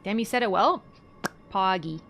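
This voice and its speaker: Woman, young adult, from Canada, live streamer, chatty, giggly, apologetic, mid pitch. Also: expressive, normal speed, a bit bright, soft background music. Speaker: livestreamer. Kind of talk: casual live-stream chat.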